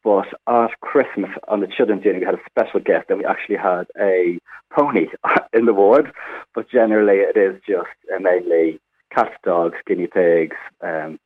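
An Irish hospital physiotherapist talks about his work on a radio phone interview, chatty and full of fillers. His voice is low and moderately paced, coming through a tinny phone line.

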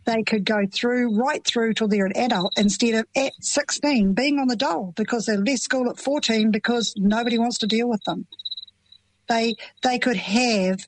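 The audio is poor as this middle-aged woman from New Zealand speaks passionately and plainly about parenting children with FASD in an emotional interview. Her voice is a little high, her pace normal, her manner earnest.

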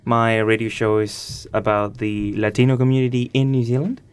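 A 19-year-old Chilean man appears as a radio guest, answering interview questions casually and thoughtfully with hesitant pauses. His voice is mid-range and clean in tone, though his delivery is flat.

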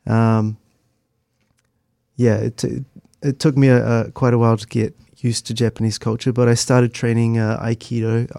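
In a dry, studio-quality recording, a middle-aged interview guest from Christchurch reminisces conversationally and with hesitation, his New Zealand accent evident. His medium-pitched voice is creaky and dark with a level tone, and he speaks in a halting, thoughtful manner.

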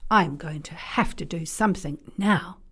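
A woman's voice: deep voice, moderate pace, a bit bright, husky, heavily acted. A woman voicing a fussy, cross old woman gardener in a children's story, exclaiming and fretting.

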